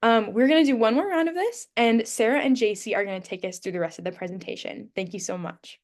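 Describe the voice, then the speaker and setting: A woman's voice: fairly high pitch, fast. A young woman giving a class presentation, demonstrating a vocabulary activity and counting syllables aloud. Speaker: student presenter. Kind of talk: class presentation, mock teaching.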